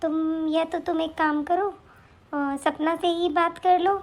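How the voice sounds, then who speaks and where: महिला द्वारा सास का किरदार: ऊँची, बेबस, शिकायती आवाज़, कार्टून कहानी।. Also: female voice, very high-pitched, flat delivery, slow, heavily acted. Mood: fretful. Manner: complaining, helpless. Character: middle-aged mother-in-law, worried about household money. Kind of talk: animated story voice acting.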